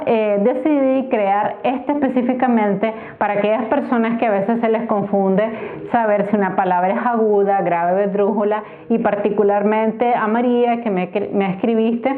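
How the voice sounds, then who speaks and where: A woman teacher with a Nicaraguan Spanish accent walks through a grammar lesson, stretching words into syllables with patience. Her voice sits at a middle pitch. The sound is thin and phone-like. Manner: patient, spells out syllables slowly. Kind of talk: explaining a grammar tutorial. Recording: tinny phone-like recording.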